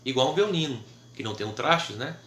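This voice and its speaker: A Brazilian man with a mid-range voice and a bright, forceful tone gives a relaxed, casual harmonica lesson on video. He talks fairly quickly yet patiently at an easy pace, often checking in with "tá?" and "né?", in a noticeably echoey room with a little hiss or hum.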